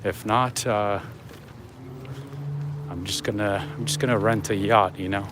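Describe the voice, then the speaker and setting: Over music, a man with a lowish, fairly even voice rambles casually to his livestream viewers, speaking a little slowly. He's walking along an urban waterfront, where traffic and city sounds fill the background.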